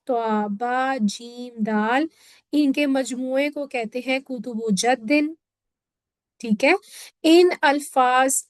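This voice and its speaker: A woman from Pakistan teaches a recitation class, going over each point again and checking the students understand. Her voice sits high. The recording is dry, with no room echo. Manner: patient, repeats points and checks with "theek hai". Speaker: Quran teacher. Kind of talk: classroom lesson on Quran recitation.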